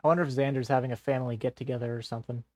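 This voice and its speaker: A man in a relaxed gameplay stream, talking through what he sees at a middle pitch. He explains things slowly and simply, as if walking a friend through it. His voice is close and dry, with no room sound. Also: no echo. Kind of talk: casual gameplay chat.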